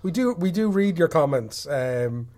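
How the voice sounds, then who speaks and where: A man's voice: on the high side, animated, measured pace, a little mellow. A man with a Dublin Irish accent, hosting a podcast in a casual, chatty style. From Dublin, Ireland. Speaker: podcast host. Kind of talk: casual chat.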